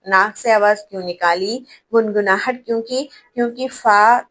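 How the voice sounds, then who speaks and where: A woman teaching an online recitation class, who explains step by step, spells out letters slowly and checks that students follow. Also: medium pitch, fairly bright tone, low-quality recording. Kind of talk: online tajweed lesson.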